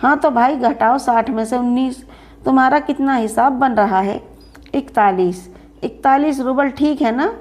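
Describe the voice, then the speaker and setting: A woman narrating a story in first person, expressive and shifting into a stern employer's voice. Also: high-pitched, unhurried.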